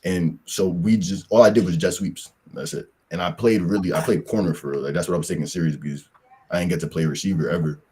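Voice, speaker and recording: A young adult from Pennsylvania, guesting as a football player, talks loosely about his time in football and track, filling his speech with slang and "like." His extremely deep, husky voice is steady and a little mellow, and he speaks quickly in this casual interview.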